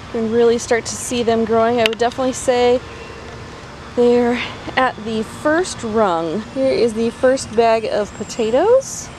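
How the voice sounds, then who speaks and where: A woman vlogger gives a chatty walking tour of her backyard vegetable garden, pointing out plants one by one. She films on a handheld phone camera as she walks, speaking a little slowly in a fairly high voice over a noisy background.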